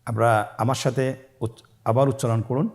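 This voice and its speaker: A patient male teacher leads a call-and-repeat lesson at a steady mid pitch. He stretches each letter sound out long so learners can copy it, then murmurs quiet praise before moving on. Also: moderate pace. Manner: praises softly after each drill. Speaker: Quran reading teacher.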